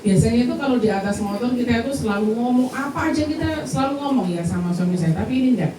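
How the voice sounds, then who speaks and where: A woman's voice: on the high side, animated, fast talker, noisy background. A middle-aged woman, telling the congregation her personal testimony in a church hall. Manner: personal storytelling, addresses congregation directly. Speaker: church member giving testimony. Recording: echoey church hall from far off.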